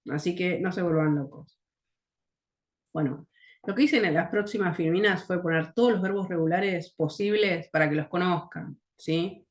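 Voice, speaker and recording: A woman with a Rioplatense Spanish accent teaching an English grammar lesson, explaining patiently, often checking in with "¿sí?" and repeating English words slowly to model their pronunciation. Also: lowish voice.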